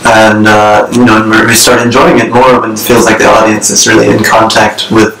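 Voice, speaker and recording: A young man with a lowish voice talks haltingly, filling gaps with "uh" and "you know." He sits away from the mic, and a roomy echo and faint hiss surround him. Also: little pitch movement, a bit bright, far from the mic. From Maryland, USA. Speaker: pianist being interviewed. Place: bright room indoors.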